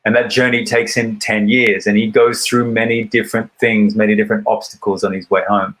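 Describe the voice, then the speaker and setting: A man telling an old myth as a lesson in resilience, thoughtful and measured, with deliberate pauses. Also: on the low side, little pitch movement, fairly bright tone, low-quality recording. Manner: recites poetry in a raised, rhythmic voice. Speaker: poet and speaker. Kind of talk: reflective storytelling talk.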